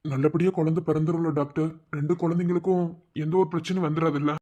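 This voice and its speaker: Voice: mid-range voice, little pitch movement, fast, mellow, close to an everyday voice. A voice actor playing a worried young male relative who politely and hesitantly questions a doctor. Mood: anxious. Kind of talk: cartoon voice acting.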